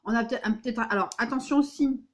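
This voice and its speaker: A woman's voice: a little high, fast. A woman with a southwestern French accent, Béarnais-tinged, talking straight to her viewers from home in a rambling, emphatic vlog monologue. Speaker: vlogger. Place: at home indoors.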